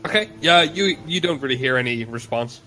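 Guy running a tabletop game, bright voice, swoopy and animated, lots of uhs. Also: medium pitch, fairly quick, soft background music, rough recording. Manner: casual, hesitant narration with many fillers. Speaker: game master.

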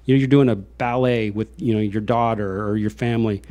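An American show host from Iowa conducts a conversational interview mixed with personal reflection. His fairly low, dark voice is steady and brisk, and he speaks earnestly but rambles, repeating phrases.

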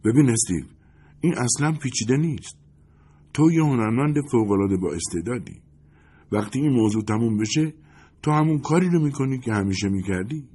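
A man with a husky voice voicing an anxious male agent who presses with worried questions on the phone. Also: medium pitch, expressive, warm tone, pitched above the performer's own voice. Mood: coaxing.

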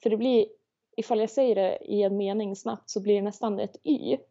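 A woman's voice: mid-range voice, fairly even intonation, gravelly, dark tone, dull audio. A woman co-hosting a podcast in casual chat, joking and swearing offhandedly. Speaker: podcast co-host.

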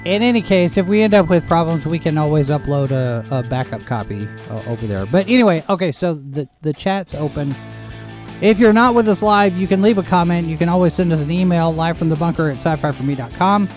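Guy hosting a livestream, slightly high voice, casual news chat, keeps wandering off, faint music behind. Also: a little fast, darkish tone. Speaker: host and editor of a live show.

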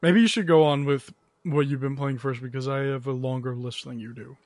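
A man's voice: medium pitch, fairly even intonation, fairly quick, a little mellow, no echo, studio quality. A man co-hosting a casual gaming podcast, chipping in with teasing, wry remarks. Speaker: podcast co-host.

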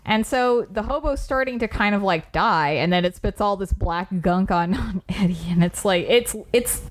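A woman's voice: mid-range voice, normal speed. A woman co-hosting a casual movie podcast, talking in a chatty way with casual swearing and quotes acted out. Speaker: podcast co-host. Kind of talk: casual movie review chat.

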